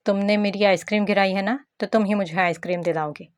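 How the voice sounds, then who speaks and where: A woman voicing a stubborn, bratty ten-year-old girl with a shrill, whiny, demanding voice. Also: fairly even intonation, fast, dry recording, studio quality, lightly acted. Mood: bratty whining.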